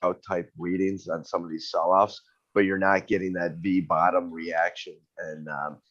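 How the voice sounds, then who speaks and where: Deep-voiced man, halting speech, remote call breaking up and fading, muffled lo-fi sound. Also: little pitch movement, a bit bright, dry recording. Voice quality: halting, many fillers. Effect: video call audio breaking up, fading in and out. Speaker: guest fund manager. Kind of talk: casual market talk. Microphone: remote video call. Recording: dull lo-fi call audio.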